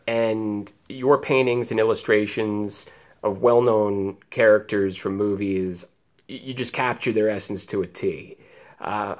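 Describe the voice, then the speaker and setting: Low-voiced American man presenting. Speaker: host, filmmaker. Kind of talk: scripted presentation to viewers.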